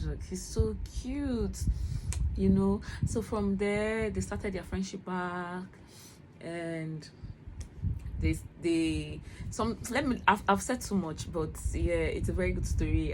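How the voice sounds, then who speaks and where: A young woman gives a casual book review at home, speaking slowly and unhurriedly. Her voice sits a little low, and she laughs easily, often breaking off and restarting her sentences. A steady background noise runs under the recording. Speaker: book vlogger.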